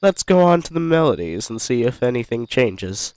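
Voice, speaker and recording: A man giving casual let's-play commentary on a music game, relaxed and hesitant with many fillers. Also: mid-range voice, moderate pace, a little hiss or hum. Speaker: gaming YouTuber. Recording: music playing behind the voice.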